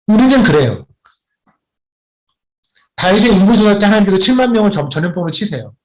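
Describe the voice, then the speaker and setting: Lively Korean-speaking male preacher. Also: high voice, a little fast. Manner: personal storytelling, rising emphatic questions. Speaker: missionary preacher. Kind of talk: sermon.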